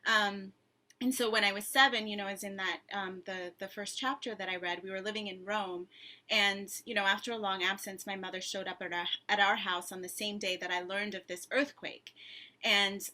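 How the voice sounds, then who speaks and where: A woman's voice: medium pitch, pushed and bright. A woman author in her thirties answering at length in a thoughtful, conversational way, with frequent ums and restarts. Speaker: author and guest.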